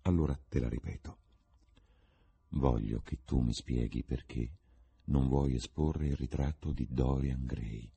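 A man's voice: a bass voice, unhurried, creaky, dark tone, breathy edge, heavily acted. A man voicing a witty, cynical young lord with an ironic, drawling manner.

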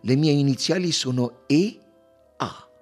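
A man's voice: a little high, measured pace, darkish tone, faint music behind, voice pushed up. A man voicing a young countess who speaks firmly and earnestly. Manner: firm, earnest pleading. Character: young countess, proud, then passionate.

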